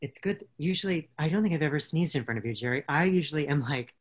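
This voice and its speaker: A woman's voice: low-pitched, animated, fast, husky. A woman co-hosting a casual podcast chat, talking in a rambling way with many restarts and easy laughs. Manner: rambling, self-correcting, laughs easily. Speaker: podcast co-host.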